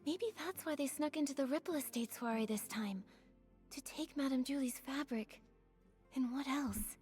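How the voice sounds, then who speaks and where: Woman playing an earnest high-voiced young heroine. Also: moderate pace, a little mellow, natural voice. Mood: pondering. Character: earnest, thoughtful young female detective heroine. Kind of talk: scripted game dialogue. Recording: game music behind.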